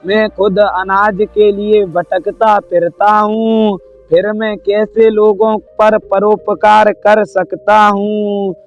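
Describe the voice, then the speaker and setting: A bitter poor beggar, indignant and complaining, as a male narrator reads him. The voice is high for a man and moves slowly. The recording is dull and lo-fi, with light music behind. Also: flat delivery, gravelly, full character voice.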